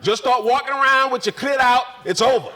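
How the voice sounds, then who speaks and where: High-voiced ranting stand-up comedian. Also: male voice, fairly quick, in a large hall. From Spokane area resident since 2001. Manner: profane, ranting, mocks locals in shouted voices. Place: comedy club.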